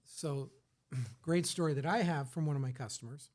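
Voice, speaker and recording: A middle-aged man who owns a tire shop, telling an animated story and acting out what his customer said. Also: fairly high pitch, moderate pace. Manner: animated anecdote teller, acts out customer quotes. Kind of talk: storytelling in casual podcast chat.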